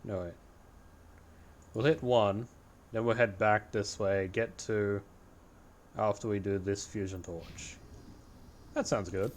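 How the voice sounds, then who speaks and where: A man's voice: fairly low pitch, fairly even intonation, slow, long pauses, slight background noise. A man giving casual video game commentary, talking to himself and reading game text aloud as he plays. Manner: talks to himself while playing.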